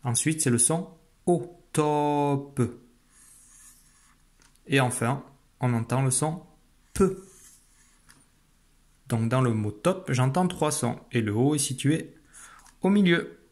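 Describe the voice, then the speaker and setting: Man teaching phonics slowly. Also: mid-range voice, expressive, darkish tone. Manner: slow, careful, stretched-out pronunciation of sounds. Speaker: primary school teacher. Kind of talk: recorded phonics lesson for young children.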